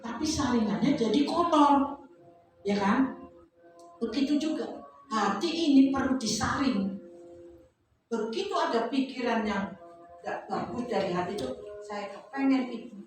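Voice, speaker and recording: A woman preacher, giving a conversational sermon at a church service in a lively, chatty way, full of tag questions. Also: fairly high pitch, unhurried, long pauses, faint music behind. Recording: very echoey, noisy church hall from far off.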